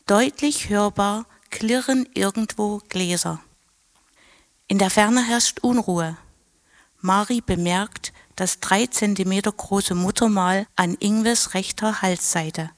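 Calm woman narrating a radio play. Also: medium pitch, takes it slowly, no echo. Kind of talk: scripted narration.

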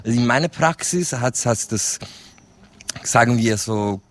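Halting Kurdish-born man, dry sound. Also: mid-range voice, animated, fairly bright tone, no echo. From Iranian Kurdistan. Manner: thoughtful, halting, repeats words. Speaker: panel guest, artist. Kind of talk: casual panel talk.

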